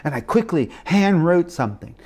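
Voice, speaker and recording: Animated middle-aged male preacher. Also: on the high side, moderate pace. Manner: animated storytelling with acted quotes and shifting loudness. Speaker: missionary preacher. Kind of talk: sermon storytelling.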